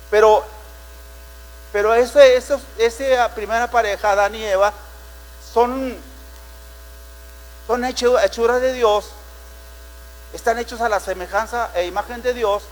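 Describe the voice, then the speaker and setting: Give me a male pastor with a Mexican accent preaching dramatically, voice fairly high. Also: in a large hall, slight background noise, rough recording. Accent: Mexican Spanish. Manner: preaching with dramatic retellings and rhetorical questions. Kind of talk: sermon.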